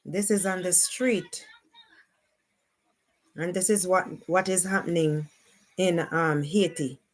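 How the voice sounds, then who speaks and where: A woman with a Jamaican accent streams live, commenting casually and without a script in a lowish, steady voice. She's unhurried and tends to repeat her exclamations.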